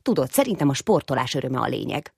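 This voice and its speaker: A woman's voice: very deep voice, big pitch swings, husky, no echo, clean studio sound, exaggerated voice. A woman voicing a patient but firm father mouse who warns his sons. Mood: fatherly. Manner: gentle, strict when warning.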